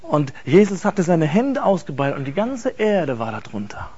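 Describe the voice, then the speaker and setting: A man's voice: fairly high pitch, sing-song, normal speed, a little mellow, breathy edge. A man telling an earnest personal testimony in an intense, emphatic way, repeating words for stress. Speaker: speaker giving a personal testimony. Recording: dull lo-fi recording.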